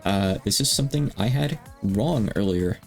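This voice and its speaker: A man's voice: lowish voice, expressive, moderate pace, vocal fry, soft background music. A man in his thirties chatting casually on a livestream, rambling and self-deprecating with lots of fillers. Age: 30s. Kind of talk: casual stream chat.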